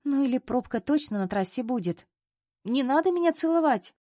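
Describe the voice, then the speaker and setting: A woman reading the part of a flustered, clumsy young female assistant in an audiobook, excitable and embarrassed. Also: fairly high pitch, dry recording, studio quality, close to an everyday voice. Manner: excitable, embarrassed, quick to protest.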